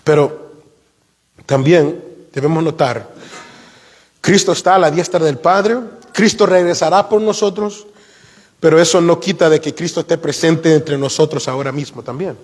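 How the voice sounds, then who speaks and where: Guy preaching a sermon, pretty high voice, asks the church questions, big reverby hall. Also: fairly even intonation, normal speed, long pauses. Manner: emphatic, rises in pitch for key points; asks the congregation rhetorical questions. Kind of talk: expository sermon. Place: church sanctuary.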